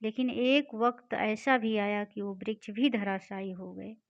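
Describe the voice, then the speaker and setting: A woman's voice: mid-range voice, fairly even intonation, measured pace. A woman teaching a Sanskrit lesson. She reads each line of the text and then explains it in simple words. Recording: dull lo-fi recording.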